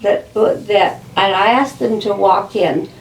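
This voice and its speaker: A woman telling a story in halting, restarting phrases. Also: mid-range voice, gravelly, slight background noise. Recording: distant, roomy, faint ambience.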